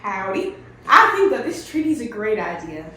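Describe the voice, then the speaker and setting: A young woman playing a brash, patriotic American debate guest who talks in a folksy drawl and quickly loses her temper. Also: medium pitch, sing-song. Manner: drawling folksy talk that escalates to yelling. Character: brash flag-waving American pundit guest, hot-tempered. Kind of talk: amateur school-project skit. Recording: echoey room from far off.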